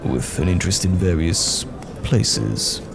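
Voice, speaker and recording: A man acts out a roaming fantasy knight with an extremely low voice that moves expressively. He is courteous yet guarded and wry, choosing old-fashioned words with care. Music plays behind him in this audio roleplay. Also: lively intonation, slow, vocal fry, heavily acted. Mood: polite, reflective. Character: wandering armed knight Rowan, courteous, guarded, wry traveller.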